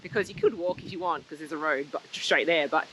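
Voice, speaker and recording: A woman's voice: sits low, fast talker, fairly bright tone, low-quality recording. A woman chatting casually in a travel vlog, rambling and laughing as she talks outdoors. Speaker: travel vlogger. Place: outdoors in wind. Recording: outdoor wind noise.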